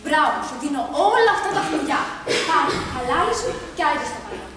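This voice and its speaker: A woman voicing an ancient, man-eating male creature in a folk tale, loud and commanding, recorded far off in an echoey hall with background noise. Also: sits high, very animated. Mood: gruff.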